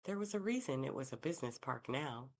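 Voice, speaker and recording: A woman reads a first-person mystery audiobook with a very deep, low-pitched voice. Her delivery is calm and even, the steady pace of a seasoned narrator. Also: fast.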